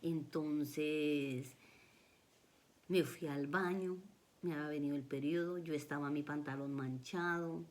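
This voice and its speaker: A woman's voice: low voice, fairly even intonation, a little slow, a little mellow. A Colombian woman telling her own life story to camera, earnest and emotional, often repeating her phrases. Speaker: vlogger.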